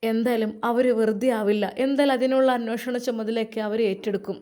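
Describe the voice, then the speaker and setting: A woman's voice: fairly high pitch, fairly even intonation, brisk, dark tone, natural voice. Lady doing a kind young woman telling her sister not to cry. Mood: comforting. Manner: comforting, reassuring.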